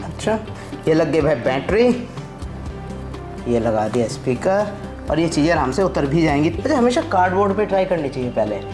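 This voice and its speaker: Big pitch swings mark the fairly high voice of this vlog host and father, who talks at a moderate pace. He chats and explains while working on a hands-on project against clear background music.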